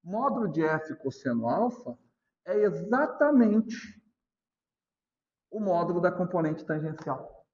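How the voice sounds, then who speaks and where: A Brazilian male physics teacher giving a class lecture, often stopping to ask whether students are following and repeating key points slowly. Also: high-pitched, sing-song, darkish tone, lo-fi sound, slight background noise. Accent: Brazilian Portuguese. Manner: asks constant check questions, repeats points slowly.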